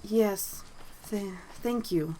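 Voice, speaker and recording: A woman voicing a shy little kitsune girl who speaks softly, stammering and near tears. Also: a little high, expressive, a little slow, slight background noise, voice pushed up, low-quality recording. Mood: shy, tearful. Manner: soft, whimpering, stammering.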